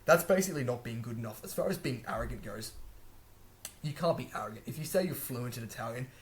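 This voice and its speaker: A man's voice: medium pitch, animated, fast talker, a little hiss or hum. A man giving casual language-learning advice to camera, rambling and correcting himself as he goes. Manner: rambling, chatty, frequent restarts and self-corrections. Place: a room indoors.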